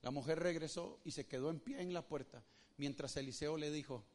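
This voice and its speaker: A man with a Rioplatense Spanish accent preaching a sermon as pastor, swinging his pitch widely and acting out the voices in the story. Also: brisk, darkish tone.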